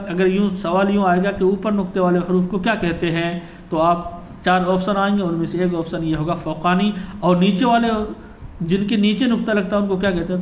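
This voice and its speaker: A male teacher giving an exam-prep lecture, explaining step by step and answering his own questions. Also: high voice. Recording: echoey room with faint ambient noise.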